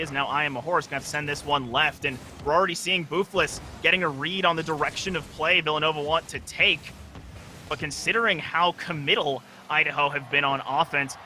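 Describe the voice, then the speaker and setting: A young man casting an esports match live, talking in a quick, analytical flow that often restarts itself mid-phrase. His voice is very bright and sharp, sitting a little high for a man. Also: a little hiss or hum. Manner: energetic analytical play-by-play, frequent restarts. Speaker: esports color commentator. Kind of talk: live game commentary.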